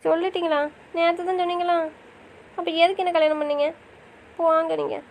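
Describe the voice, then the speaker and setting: A woman's voice: very high voice, steady tone, a little fast, slight background noise. A woman playing a young newlywed wife who coaxes and questions her husband in a romantic audio drama. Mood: hurt. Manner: affectionate, pleading and coaxing.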